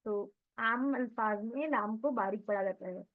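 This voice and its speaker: Female Quran recitation tutor, high-pitched, patient step-by-step explainer, recorded over a thin phone-like line. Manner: explains step by step, often checks with "theek hai"; recites Arabic words slowly and drawn out as examples. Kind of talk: online tajweed lesson. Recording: tinny phone-line sound.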